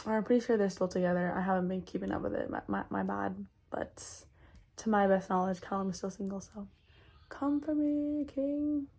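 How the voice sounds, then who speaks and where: A woman's voice: medium pitch, level tone, quick pace, creaky, a little mellow. A young woman chatting casually in a vlog, rambling, with lots of fillers and restarts. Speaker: vlogger.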